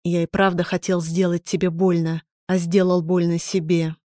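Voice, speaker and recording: Woman voicing a devoted young male lover in an audiobook, soft and warm, close and dry. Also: on the low side, level tone, normal speed, dry recording, lightly acted. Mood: tender, remorseful. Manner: quiet earnest confession. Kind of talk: audiobook character reading.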